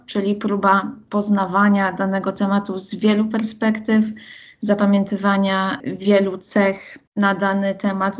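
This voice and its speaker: A woman speaking as an expert psychologist, explaining in long, structured sentences. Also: medium pitch. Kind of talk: explanatory interview answer.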